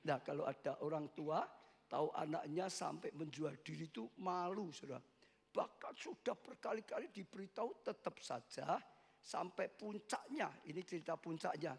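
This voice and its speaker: A man pastor preaching an impassioned sermon to his congregation, rising often to loud cries. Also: creaky, husky. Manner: impassioned, swells to loud high cries, keeps addressing the congregation. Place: church worship service. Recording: long reverb of a church hall.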